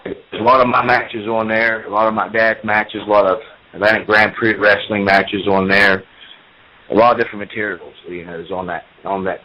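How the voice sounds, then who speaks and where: In a muffled recording, a low-pitched American man in his forties, a professional wrestler, gives a long interview. He tells his story and keeps coming back to the same points.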